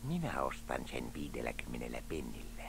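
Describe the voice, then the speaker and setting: An actor playing a sly street pedlar who speaks low and half-whispered. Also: male voice, wildly swooping pitch, vocal fry, a little hiss or hum, full character voice.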